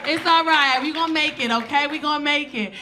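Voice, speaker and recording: A woman's voice: high-pitched, a little fast, bright, forceful tone, a little hiss or hum, voice pushed up. A woman putting on a gushing, flamboyant male flight attendant. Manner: gushing, calls everyone honey and baby. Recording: live audience laughter.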